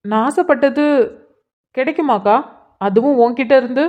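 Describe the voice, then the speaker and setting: A woman's voice: high-pitched, moderate pace, darkish tone, highs cut off, lightly acted. A woman voicing an earnest young man who keeps pressing his elder sister with pleading, insistent questions in a cartoon. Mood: probing. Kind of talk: cartoon voice acting.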